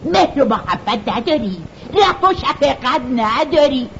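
A woman's voice: high voice, lively intonation, vocal fry, slight background noise. A woman voicing a frail, thirsty old woman who scolds and curses in rhyme, in a children's audio drama. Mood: cursing. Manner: pleading then bitterly cursing in rhyme. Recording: dull lo-fi recording, faint music.

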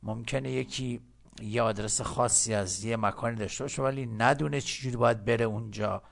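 A man with a Persian accent teaching English in a recorded lesson, slowly repeating words for learners. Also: mid-range voice, steady tone. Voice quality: gravelly.

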